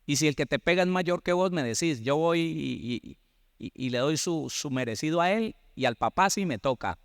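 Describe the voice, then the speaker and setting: A man's voice: a little high, expressive, moderate pace, no room sound, studio quality. A man voicing a strict, stern father who gives blunt, threatening orders. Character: stern strict working-class father, middle-aged.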